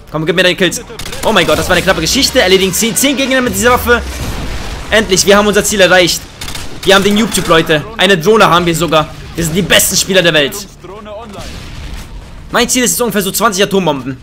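A young man doing excitable, joking let's play commentary on a headset mic, with bursts of high laughter. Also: fairly quick, pauses often. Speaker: gaming YouTuber. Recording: faint game gunfire behind.

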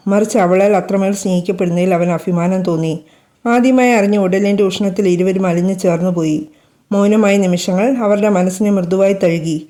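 Give me a woman storyteller with a warm, mellow voice, reading slowly and lyrically. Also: mid-range voice. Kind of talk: scripted story narration.

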